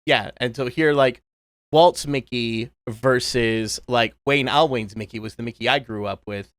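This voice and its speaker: A man's voice: mid-range voice, unhurried, no echo. A man in his thirties, a voice impressionist chatting casually in an interview and slipping into cartoon voices. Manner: animated, drops into cartoon voices. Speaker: voice impressionist guest.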